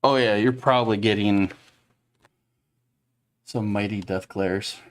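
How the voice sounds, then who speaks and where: A man with a lowish voice narrates his character's moves in a tabletop game. He takes his time, stretching out each descriptive phrase at a very unhurried pace. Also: fairly even intonation. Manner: slow, drawn-out descriptive narration. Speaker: player.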